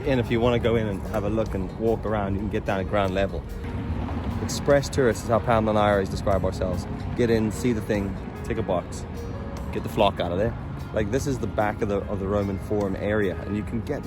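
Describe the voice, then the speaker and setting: A relaxed man tells travel anecdotes in a loose, swear-peppered way and chuckles often. His voice sits on the low side. Faint music plays behind him. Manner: laid-back, swears freely, chuckles through anecdotes. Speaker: travel vlogger. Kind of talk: casual travel storytelling.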